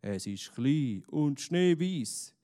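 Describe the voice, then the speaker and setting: Man playing a slow, deep stranger, brooding thief, storybook. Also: animated, dark tone, clear, resonant tone. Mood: gruff. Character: big, gloomy stranger, a lonely thief.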